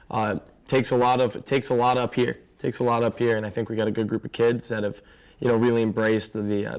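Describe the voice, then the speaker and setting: Smooth-voiced man talking football coaching. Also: medium pitch. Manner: earnest, many fillers. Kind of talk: casual interview.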